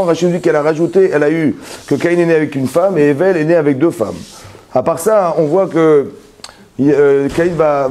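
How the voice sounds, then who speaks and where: With a warm voice on the high side, a male rabbi teaches Torah using everyday examples. He frequently restarts and repeats words, and keeps checking whether his audience is with him.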